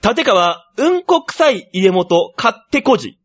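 A man hosting a comedy talk show, chatting playfully and reading out news items with animated delivery. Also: high voice, takes it slowly, highs cut off. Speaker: comedy podcast host.

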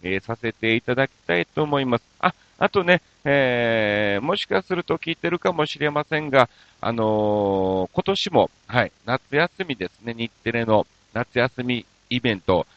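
A man's voice: medium pitch, animated, normal speed, hardly any pauses, dry recording. Kansai guy doing a radio show, jokey and self-mocking, voice jumps all over, kinda muffled dry mic. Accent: Kansai mixed with standard Tokyo speech. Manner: playful, self-mocking comic banter. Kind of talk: casual radio talk reading listener mail.

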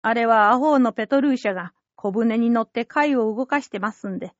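A woman voicing a gruff, fatherly old fisherman who talks low and quietly in a rustic way. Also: brisk, dry recording, highs cut off, natural voice. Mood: soothing. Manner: low, subdued country talk.

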